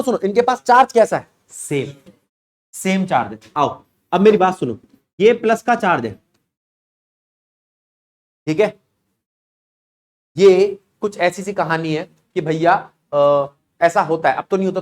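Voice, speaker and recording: A young man teaching physics in a classroom, chatty and joking, telling stories and quizzing students by name. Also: high-pitched. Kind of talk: classroom lecture.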